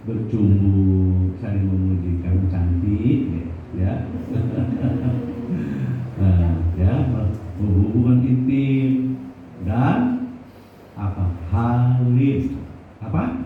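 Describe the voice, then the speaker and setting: A man's voice: on the low side, expressive, extremely slow, pauses often. A man preaching a sermon in a church, joking with the congregation and putting questions to them. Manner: jokey, conversational, asks the congregation questions. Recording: distant, echoey, phone-like, faint noise.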